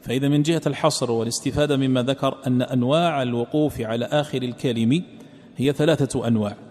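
A man giving a lesson, explaining step by step, repeating key phrases and slowing down to recite examples. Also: medium pitch, fairly even intonation, darkish tone. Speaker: teacher. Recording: long reverb, echoey room.

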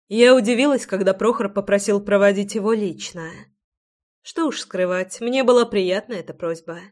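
A woman's voice: mid-range voice, darkish tone. Woman narrating a romance audiobook. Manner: intimate, reflective storytelling. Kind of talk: first-person audiobook narration.

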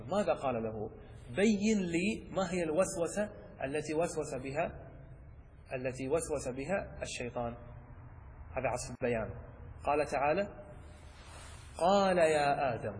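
A man teaching Arabic rhetoric in a classroom lecture. He explains each point step by step, checks that his students follow, and recites verses slowly and clearly. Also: on the high side. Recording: long hall reverb with faint noise.

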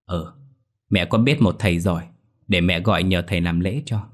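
A man's voice: low-pitched, moderate pace. A man voicing a stern, worried elderly mother-in-law with a firm, commanding way of talking, over faint music.

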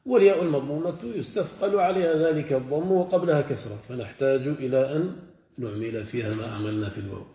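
A man with a fairly high voice teaches a grammar lesson as a sheikh. He says each word form aloud several times and pauses to check that his students understand. The lo-fi recording sounds muffled, and it carries the echo of a roomy classroom.

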